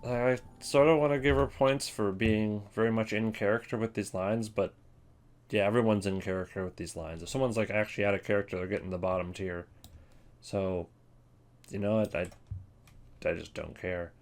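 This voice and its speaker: Ranking game voice lines for his video, a man with a lower-pitched voice keeps a fairly even intonation at normal speed. He sounds offhand and hesitant, rambling casually and breaking into his own sentences.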